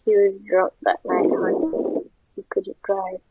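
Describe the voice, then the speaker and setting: A weary mother as a reader plays her who talks flatly, trying to keep her voice from shaking. The delivery is slow and heavy. The recording is dull and lo-fi with faint hiss. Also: mid-range voice. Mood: pleading. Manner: flat, trying to sound steady.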